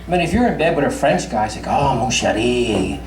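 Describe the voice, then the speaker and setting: A fifties-aged man from Newfoundland, Canada, with a faint local accent, performs crude, chatty stand-up comedy on a bar stage, swearing freely. His voice sits a little high, swings widely in pitch, and comes out rapid-fire. The recording is echoey, with the bar crowd audible.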